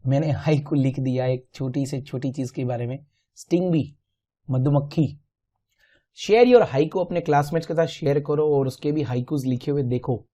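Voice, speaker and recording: A male teacher explaining a textbook lesson to children, reading English lines slowly and then explaining them in Hindi with lively exclamations. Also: mid-range voice.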